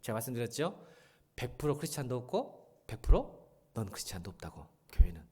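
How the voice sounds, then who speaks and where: A middle-aged man preaching a sermon in a church, swinging between hushed pleading and loud, fervent exclamations. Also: mid-range voice, sing-song, brisk, slightly rough. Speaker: pastor. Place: church sanctuary.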